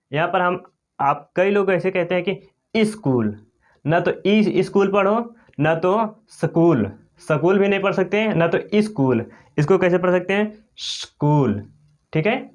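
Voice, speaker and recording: Indian man teaching English sounds. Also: high-pitched. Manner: slow, repetitive, often says "okay" and "clear". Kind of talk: classroom pronunciation lesson.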